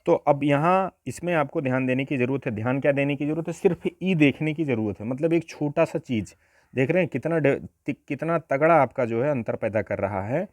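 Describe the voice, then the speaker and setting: A man teaches an exam-prep grammar lesson at a mid pitch. He works through each point step by step, often pausing on rhetorical questions. The voice sounds dry and close, with little room sound. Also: dry recording.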